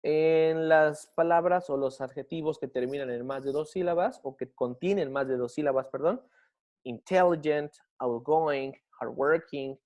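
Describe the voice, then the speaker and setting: Male English teacher with a slightly high voice. Patient, methodical classroom explainer who stops often to check understanding. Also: a little mellow. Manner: slows down to spell and model English words. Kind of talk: explaining grammar in a recorded class.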